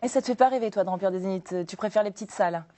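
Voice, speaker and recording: A woman's voice: mid-range voice, very fast, warm tone. Teasing woman interview host. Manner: teasing, playful questions. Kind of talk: casual interview questions.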